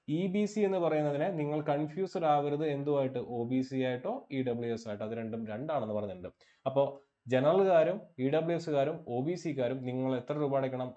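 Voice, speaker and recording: A man's voice: mid-range voice, warm tone. A man giving an exam-prep lesson, asking questions and answering them himself. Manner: asks and answers his own questions, repeats key points. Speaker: exam coaching teacher. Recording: dull lo-fi audio.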